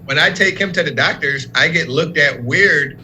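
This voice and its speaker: A man's voice: on the high side, normal speed, bright, forceful tone, slight background noise, low-quality recording. A young adult man talking earnestly in a casual interview, explaining in long run-on sentences. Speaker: fatherhood program worker, guest.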